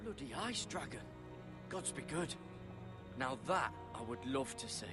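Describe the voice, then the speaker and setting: A man's voice: mid-range voice, sing-song, a little slow, a bit bright, soft background music. An actor playing an earnest young man sworn to a frontier guard in a video game, wry and wondering.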